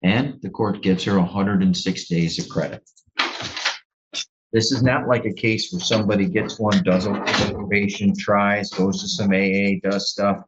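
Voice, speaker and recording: A deep, low-voiced man sits as judge in a courtroom, handing down a sentence in a stern, blunt, lecturing way with halting restarts. The sound is a muffled, lo-fi courtroom recording with a faint hiss behind it. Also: fairly even intonation.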